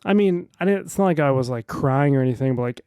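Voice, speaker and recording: A young adult man chatting as a podcast guest, halting with lots of restarts and fillers. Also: medium pitch, expressive, warm tone, smooth, no room sound, clean studio sound. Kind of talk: casual chat.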